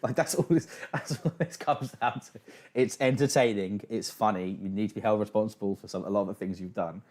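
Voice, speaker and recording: A man's voice: fairly low pitch, brisk, a little mellow. A man hosting a livestream with casual reaction commentary, speaking in a sardonic, blunt way with plenty of swearing. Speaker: livestream host.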